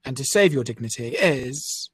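A man's voice: medium pitch, expressive, moderate pace, a bit bright, slightly rough, no room sound, clean studio sound. Give me a man reading quiz questions on a podcast, his call audio breaking up and dropping out. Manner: quizmaster announcing questions. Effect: choppy online call audio, breaking up. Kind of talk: casual podcast chat over a call.

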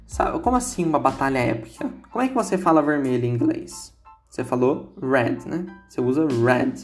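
A man's voice: mid-range voice, lively intonation, fairly quick, faint music behind. A man with a Brazilian accent giving a casual English lesson, chatty and repeating words aloud to show how they sound. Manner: chatty, repeats words to demonstrate pronunciation, asks "entendeu?". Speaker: English teacher.

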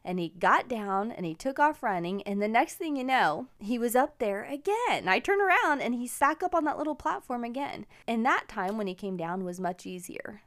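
A woman's voice: fairly high pitch, sing-song, normal speed, few pauses, a bit bright. A woman in her forties, hosting a podcast and telling personal stories in an upbeat, encouraging way. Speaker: podcast host. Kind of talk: casual personal storytelling.

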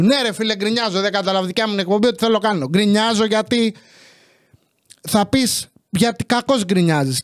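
A man's voice: high-pitched, no room sound. A young Greek man hosting his podcast, delivering a sarcastic, profane comic rant in a grumbling, casual way. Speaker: podcast host. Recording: dry studio sound.

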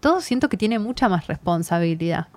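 A woman's voice: fairly low pitch, expressive, a little fast, darkish tone. A woman, a mother, with an Argentine Spanish accent, thinking aloud in short phrases in a casual chat.

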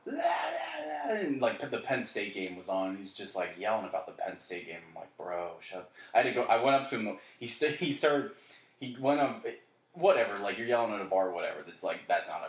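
A man's voice: fairly low pitch, fast. Swearing young man telling a bar story. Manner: animated storytelling, swears freely, acts out quotes. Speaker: bartender. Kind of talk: casual chat. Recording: echoey room.

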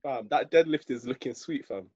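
A man's voice: mid-range voice, normal speed, dark tone, no echo, dull audio. A young man with a London roadman accent bantering casually on a podcast in heavy, matey street slang. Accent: London roadman, urban British slang. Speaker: podcast co-host.

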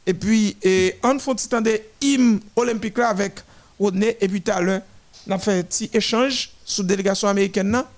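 High-voiced man listing nations. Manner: repetitive listing, halting with restarts. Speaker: commentator. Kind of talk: running commentary on a parade of nations.

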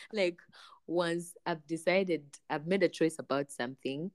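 A woman's voice: on the low side, very animated, slow, no room sound. A woman in her late twenties co-hosting a podcast in casual, upbeat chat, repeating her phrases and laughing often. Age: late 20s, about to turn thirty. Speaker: podcast co-host.

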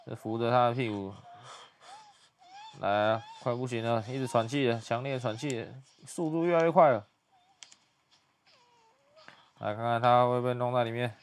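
Young man, smooth clear voice, quiet muttered play-by-play reaction host. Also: medium pitch, level tone, a little fast. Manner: hushed, muttered running commentary.

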